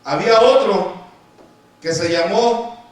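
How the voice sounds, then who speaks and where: Recorded from far off in an echoey church hall, a man preaches a sermon, repeatedly addressing listeners as brothers and acting out churchgoers' complaints. His voice sits high and he speaks slowly.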